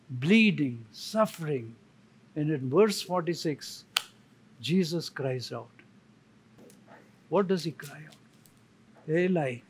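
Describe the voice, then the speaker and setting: A man, a church elder, preaching a sermon slowly and emphatically, pausing for effect and repeating key words. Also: fairly high pitch, slightly rough, low-quality recording. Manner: slow, emphatic, with dramatic pauses and repetition.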